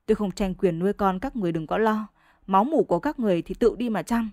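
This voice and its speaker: A woman voicing a fed-up, sharp-tongued peasant wife who scolds and curses her husband in a storybook reading, in a dry, close sound. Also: fast, dry recording, lightly acted. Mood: bitter defiance. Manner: shrill scolding, cursing loudly.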